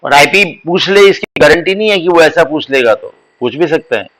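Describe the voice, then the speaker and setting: A man's voice: on the high side, animated, a bit bright, poor audio. A man teaching a live online exam-prep lesson, mixing Hindi and English and calling his students beta. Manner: mixes Hindi and English, addresses students as beta, slow deliberate explanations.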